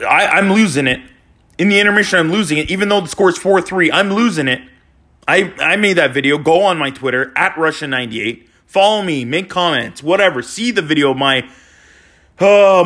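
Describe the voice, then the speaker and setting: Ranting man with a bright high voice. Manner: exasperated, ranting, sometimes shouting. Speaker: hockey fan vlogger. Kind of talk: post-game fan rant.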